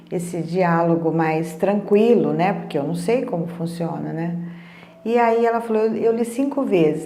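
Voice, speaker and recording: Brazilian woman, mellow voice, echoey room. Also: fairly low pitch. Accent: Brazilian Portuguese. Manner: conversational, frequent tag questions, retells dialogue. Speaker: emotional wellness speaker. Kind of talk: casual teaching monologue.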